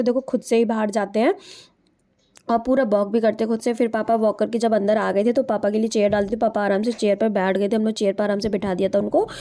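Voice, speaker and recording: A woman's voice: a little high, mellow. A young woman vlogger, narrating her day in a chatty, rambling way with many fillers. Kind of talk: daily life vlog voice-over narration.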